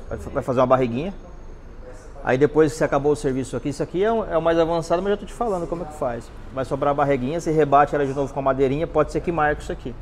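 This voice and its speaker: Fast-talking Brazilian man teaching in a workshop. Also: on the high side, slight background noise. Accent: Brazilian Portuguese. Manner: animated, explains while pointing at the car. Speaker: paintless dent repair instructor. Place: large indoor car repair workshop. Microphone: lapel mic.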